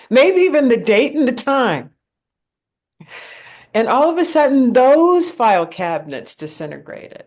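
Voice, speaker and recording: Woman, forties, host, personal storytelling, slow unhurried delivery, earnest, reflective. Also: medium pitch. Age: 40s.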